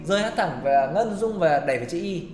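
Brisk male vocal coach, high voice, echoey room. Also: animated. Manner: brisk, explanatory, sings phrases then breaks them down. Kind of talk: singing lesson, spoken tips with sung demonstrations. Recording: echoey room with guitar backing. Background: loud guitar accompaniment.

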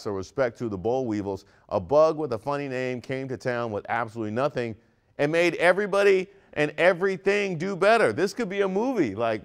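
A man in his thirties from Maryland hosting a comedic news segment, wisecracking with animated punchlines in a studio. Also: mid-range voice. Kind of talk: scripted comedic news commentary. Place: studio with brick wall set.

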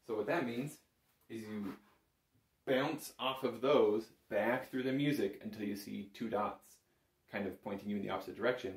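A bagpipe teacher with a voice on the low side leads an informal, step-by-step lesson, counting beats and pausing to check in. He's recorded by a camera a short way in front of him in a small indoor room filled with instruments, and the mic gives the audio a roomy echo.

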